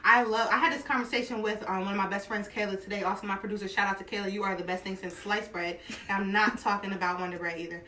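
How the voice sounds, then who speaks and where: A woman's voice: medium pitch, steady tone, fast talker, hardly any pauses, sharp tone, reverberant, distant mic, slight background noise. A woman in her twenties hosting a radio talk show, chatting casually and bluntly, laughing often. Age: 20s.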